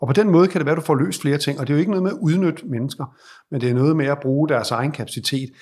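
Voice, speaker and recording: A man's voice: a little high, darkish tone, breathy edge. A man working as a leadership advisor, explaining at length in a reflective, conversational way with frequent restarts. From Denmark. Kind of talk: conversational advice in interview.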